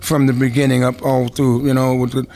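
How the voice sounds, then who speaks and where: A man's voice: medium pitch, little pitch movement, brisk, darkish tone. An older man, a veteran musician, tells long rambling stories in an interview, with many restarts and asides. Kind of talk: anecdotal interview storytelling.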